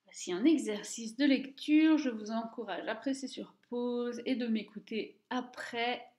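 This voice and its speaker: A woman teaching Tibetan reading, speaking slowly and carefully and repeating each word twice for the listener. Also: on the high side, a little mellow. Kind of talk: slow, deliberate language lesson. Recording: echoey room, dull lo-fi sound.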